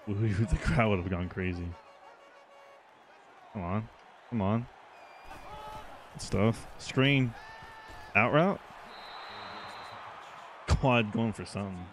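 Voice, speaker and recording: A man commenting out loud on his own football video game, reacting excitedly to each play. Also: fairly low pitch, slow, long pauses, a faint crowd, slight background noise. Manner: excitable, reacting to plays aloud. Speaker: gaming channel host.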